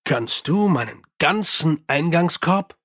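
A man voicing a gruff, weary middle-aged police commander who talks in a dry, blunt and grumbling way. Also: on the high side, animated, slow, a bit bright, heavily acted.

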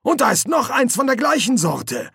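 A man's voice: very high-pitched, wildly swooping pitch, moderate pace, gravelly, a bit bright, slightly rough, dry recording, studio quality, pitched above the performer's own voice, full character voice. A man voicing a bumbling, portly middle-aged army sergeant in an audiobook, with a raised, blustering voice. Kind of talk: audiobook character voice.

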